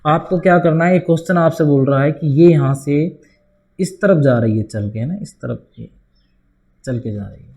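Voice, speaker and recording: This maths teacher prepares students for board exams by talking through every step and answering his own questions to the class, often with a "bhai." His fairly high voice moves at normal speed and is creaky and a little mellow.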